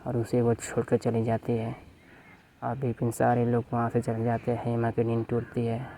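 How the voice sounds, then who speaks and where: Man narrating a horror story flatly. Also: medium pitch, normal speed, a little hiss or hum, rough recording.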